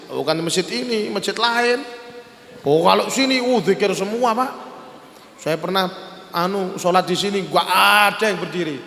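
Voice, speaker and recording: A man with an East Javanese accent preaching in a lively, storytelling way, acting out the dialogue of his tale at a religious gathering. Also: high-pitched, normal speed, vocal fry. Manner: animated, acts out the story's dialogue with swings in voice. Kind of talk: storytelling sermon. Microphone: lavalier clip-on mic. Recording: echoey hall with long reverb.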